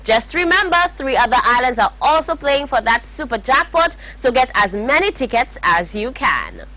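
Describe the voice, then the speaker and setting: A young woman presenting a scripted televised lottery draw, announcing numbers in a formal, measured way. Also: fairly high pitch, expressive, sharp tone. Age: young adult. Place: TV studio. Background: faint music.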